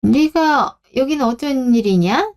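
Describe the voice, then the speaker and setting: A woman's voice: high voice, animated, a little slow, darkish tone, soft background music. Radio drama: a fed-up older mother, played by a woman, firm and scolding. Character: stern older mother, fed up with her son. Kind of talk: Korean radio drama acting.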